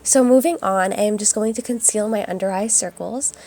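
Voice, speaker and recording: A young woman with a raspy, hoarse voice from a cold, chatting casually through a makeup tutorial voice-over. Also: mid-range voice, a little fast, dark tone. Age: young adult. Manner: chatty and upbeat, addresses viewers as guys. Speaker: beauty vlogger. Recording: voice-over with faint music behind.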